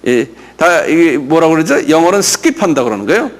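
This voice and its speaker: A man's voice: a little high, sing-song. An older man, a pastor, teaching a Bible lesson and drilling terms, asking his class questions and having them repeat words after him. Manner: explains slowly, with many fillers and questions to the class.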